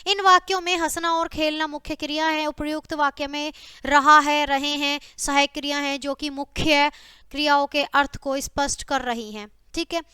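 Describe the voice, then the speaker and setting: A woman teacher leads a grammar lesson for schoolchildren, going through her examples one at a time. Her voice is high and bright, and she speaks close to the mic in a dry space with no room echo. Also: steady tone, normal speed. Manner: says "ठीक है" often, addresses students as "बच्चा"; reads out example words and sentences one by one.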